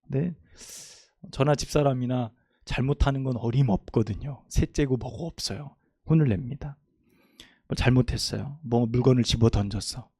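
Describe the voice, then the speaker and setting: Male pastor, middle-aged, sermon, rises loud then drops soft, dry close sound. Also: medium pitch, normal speed, husky, no echo. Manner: swings from loud emphatic preaching to soft storytelling. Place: church sanctuary.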